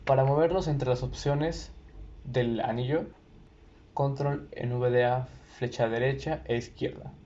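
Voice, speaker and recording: A man giving a calm, step-by-step tutorial on changing screen-reader voice settings. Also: mid-range voice, a little slow. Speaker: tutorial presenter. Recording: lo-fi with faint noise.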